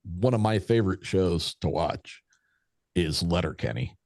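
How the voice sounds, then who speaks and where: A man's voice: sits low, lively intonation, measured pace, a little mellow, dry recording, clean studio sound. A man chatting casually as a panelist on a podcast. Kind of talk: casual chat.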